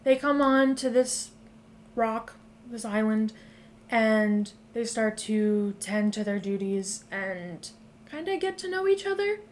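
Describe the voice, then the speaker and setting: A woman's voice: fairly high pitch, lively intonation, takes it slowly, slight background noise. A woman hosting a podcast, casually recapping a movie plot with loose phrasing and frequent swearing. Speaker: podcast host. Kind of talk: casual chat.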